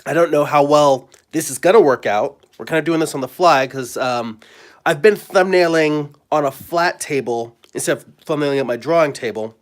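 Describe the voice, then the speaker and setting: At his drawing table in a home studio, a comic artist and stream host makes casual live-stream chat despite a cold. His voice runs on the high side, hoarse and raspy with throat clearing, and his friendly rambling is halting and packed with fillers.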